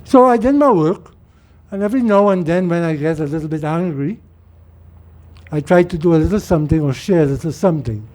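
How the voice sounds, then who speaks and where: With a slightly high, somewhat mellow voice and lively intonation, a middle-aged man from Trinidad talks a little fast. He is a political speaker giving a rambling, informal monologue in a Trinidadian accent, repeating words when he restarts.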